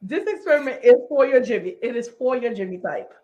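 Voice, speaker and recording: High-pitched woman guest, laid back jokey chat. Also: expressive, fairly quick, a little mellow, highs cut off. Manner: casual and joking, laughs along. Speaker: podcast guest. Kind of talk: casual chat.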